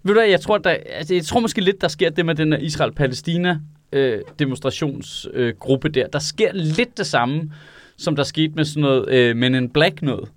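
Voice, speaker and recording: Man, casual podcast co-host, slightly high voice, profane, laughing, dry room. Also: dry recording. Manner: loose, profane, laughing often.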